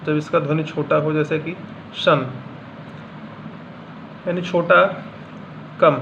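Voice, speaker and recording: Slow deliberate teacher, lo-fi. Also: male voice, high voice. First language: Hindi. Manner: slow, deliberate, repeats example words one by one. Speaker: English teacher. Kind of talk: classroom lesson explaining pronunciation. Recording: dull lo-fi sound with faint room hum.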